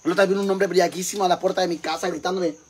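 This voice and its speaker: A performer with a Mexican accent plays a crude, bragging Mexican mother rambling gossip to her sisters in a comic monologue, the mood brash. The voice is medium-pitched, steady and a little mellow, delivered very fast and naturally over slight background noise.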